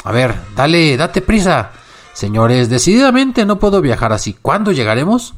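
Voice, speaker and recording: A man doing a shrill, rude hunchbacked youth. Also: very animated, moderate pace, soft background music. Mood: impatient.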